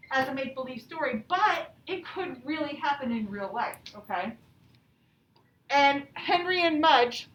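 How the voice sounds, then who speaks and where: The lo-fi recording captures a high-voiced woman with a fairly bright tone teaching young elementary children, taking them through a lesson and a storybook. She's instructive and regularly checks in with questions, while the audio sounds roomy, slightly distant from the mic, and faintly noisy.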